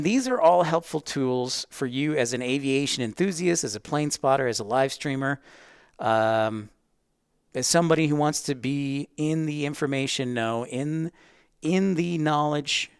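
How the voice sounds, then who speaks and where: Speaking at a measured pace in a clean, mid-range voice, a man livestreams a casual step-by-step guide to online plane-spotting tools while talking directly with viewers. The audio is studio quality with no room sound.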